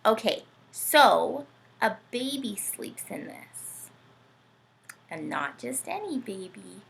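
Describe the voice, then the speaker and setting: Slow and creaky, this medium-pitched woman's voice comes with a little hiss or hum. She hosts children's read-alouds, reading and chatting to young kids in an animated, sing-song way and often putting questions to them.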